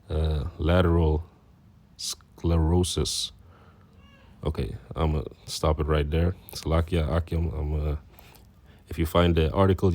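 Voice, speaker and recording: Reading aloud, this religious commentator from the Netherlands preaches earnestly, sprinkling his talk with "you know" and "you see." He is a native Dutch speaker with a Dutch accent, and his voice is low and warm.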